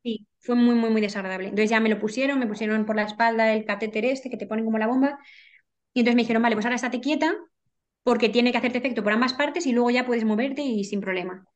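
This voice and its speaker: A woman recounts a personal story as an interview guest, in a rapid, earnest flow full of restarts and repeated words. Her voice sits a little high, and she talks very quickly. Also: fairly even intonation, highs cut off. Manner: rapid, earnest telling with frequent restarts and repetitions.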